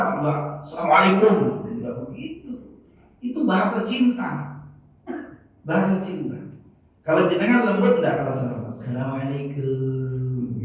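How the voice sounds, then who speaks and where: High, slow-talking preacher in echoey mosque. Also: male voice. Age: 50s. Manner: playful, question-and-answer with congregation. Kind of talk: sermon. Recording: echoey mosque from far off, faint noise.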